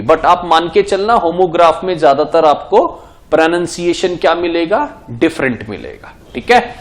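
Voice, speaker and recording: A man with an Indian accent teaching an exam-prep lesson at a board, asking his class questions and answering them himself, switching between Hindi and English. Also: high voice.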